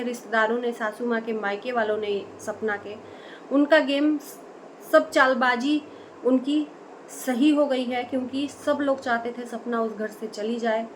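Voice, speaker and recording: Her voice sits on the high side as she, an Indian online commentator, argues emphatically in vlog commentary and presses her views through rhetorical questions. Audio is poor and background noise is clearly audible.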